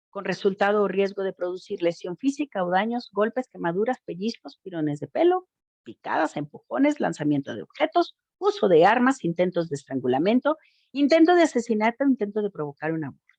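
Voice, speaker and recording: A woman's voice: mid-range voice, very animated, a little fast, a little mellow, dry recording, highs cut off. A woman giving an informal school talk on gender violence, speaking expressively and addressing the audience directly. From Mexico.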